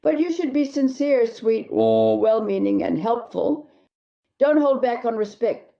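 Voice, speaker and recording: A woman's voice: fairly high pitch, measured pace, gravelly, mellow, lo-fi sound. A woman marriage therapist answering viewer questions, giving blunt, emphatic advice and speaking straight to the listener.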